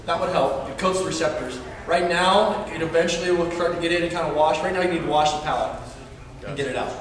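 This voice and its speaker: High-voiced man, mouth burning from spicy food. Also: fast talker, a crowd in the background. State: in pain, numb burning mouth, watering eyes. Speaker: professor. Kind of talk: informal demonstration talk to a class. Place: lecture hall, standing at the front. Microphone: distant camera microphone. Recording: echoey, noisy lecture hall from far off.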